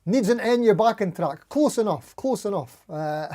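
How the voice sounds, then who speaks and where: A man's voice: high-pitched, lively intonation, moderate pace, dark tone. A man hosting a casual live stream, rambling in a jittery, over-caffeinated, self-deprecating way as he chats to viewers. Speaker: live stream host, guitar player.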